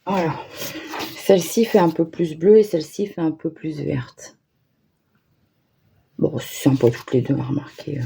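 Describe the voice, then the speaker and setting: A woman with a northern French accent talks viewers through a craft project, chatty and hesitant, pausing on fillers as she works. Her voice sits low, with a gravelly, mellow tone. A faint noise hums behind her. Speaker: crafting tutorial host. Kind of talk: casual craft demonstration.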